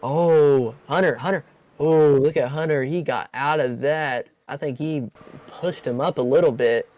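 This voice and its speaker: A man giving casual, excitable play-by-play commentary on an online truck race. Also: on the high side, measured pace. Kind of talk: sim racing commentary.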